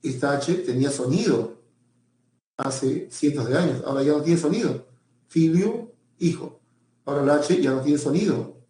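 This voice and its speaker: A man's voice: fairly high pitch, normal speed, warm tone, reverberant. A male teacher giving a pre-university language lecture, often repeating himself and checking in with his students.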